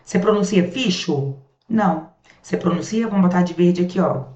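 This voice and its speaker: A woman's voice: fairly low pitch, moderate pace, darkish tone. A Brazilian woman grammar teacher giving a recorded lesson, sounding out speech sounds aloud and asking the class rhetorical questions. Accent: Brazilian Portuguese. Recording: roomy, distant, dull sound.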